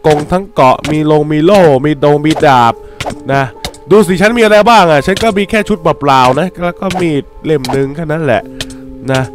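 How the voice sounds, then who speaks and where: Young man, gaming commentary, playful teasing, excitable, faint music behind. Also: a little high, normal speed. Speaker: gaming YouTuber. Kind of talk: casual game commentary.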